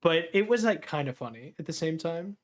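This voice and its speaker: A young man with a slightly high voice talks in a loose, laid-back way, filling his speech with "like" and "dude." He grumbles his opinions in easy conversation with a friend on a livestream. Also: expressive, fairly quick. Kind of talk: casual chat.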